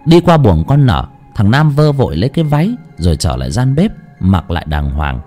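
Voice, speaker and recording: A male storyteller narrates a rural ghost story with a dramatic, expressive delivery. His pitch climbs and falls a lot as he tells it, and faint music plays under his voice. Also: brisk.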